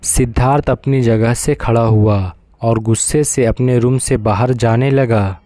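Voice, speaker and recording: A man narrating a romance serial as a bedtime story with a steady, even delivery. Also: mid-range voice, unhurried, no room sound.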